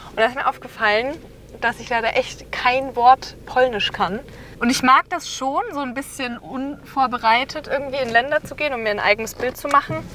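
A woman's voice: fairly high pitch, pushed and bright, slight background noise. Upbeat woman vlogging to camera. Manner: chatty and upbeat, thinking aloud. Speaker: travel vlogger. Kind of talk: casual vlog talk to camera. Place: outdoors and inside a small car.

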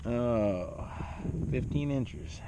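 A man's voice: medium pitch, drawn-out words. A man hosting a fishing vlog, talking casually and jokingly while paddling a kayak outdoors, recorded on an action camera. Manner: relaxed, joking banter. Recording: wind and water noise outdoors.

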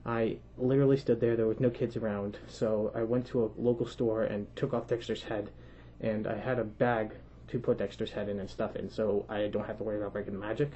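A man's voice: fairly low pitch, flat delivery, brisk, hardly any pauses, dark tone, husky. A young man telling a story to camera as a vlogger, his voice muffled through a costume head, chatty and rambling with restarts. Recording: slightly dull lo-fi sound with faint noise.

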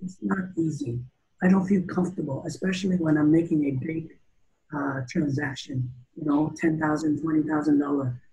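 Middle-aged founder from Canada, chatty guest, fairly high for a man, gravelly, heard through a webcam. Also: steady tone, moderate pace, warm tone, low-quality recording. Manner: chatty, many fillers and restarts. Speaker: startup founder interviewed. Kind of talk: video call interview. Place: room with teal curtains. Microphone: video call webcam.

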